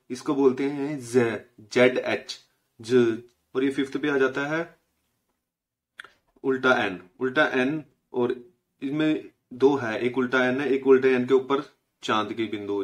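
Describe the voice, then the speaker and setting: A young man from India talks through a casual lesson in a mid-range voice. He explains each letter patiently and repeats its sound slowly, the way a teacher does for beginners. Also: medium pitch. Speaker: language teacher.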